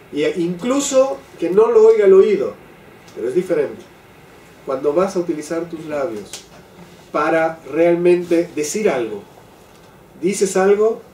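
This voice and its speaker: An older man leading a Torah class for a live group, often checking in with "¿sí?" and slowing down to stress key phrases. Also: on the high side, mellow. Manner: keeps asking "¿sí?" to his listeners. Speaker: Torah teacher. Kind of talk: religious class lecture. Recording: echoey room, voice from a distant mic, faint background noise.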